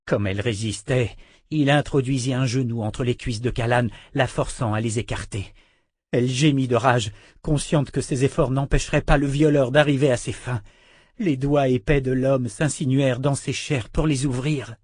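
A man narrating a dramatic fantasy novel as an audiobook, in a measured reading voice. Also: medium pitch, steady tone, darkish tone, no room sound, studio quality.

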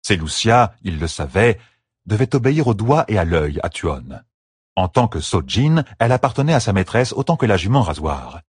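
A male audiobook narrator with a low, husky voice who reads in an even, measured way. The close studio mic captures a dry sound with no room around it. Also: no echo. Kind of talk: scripted narration.

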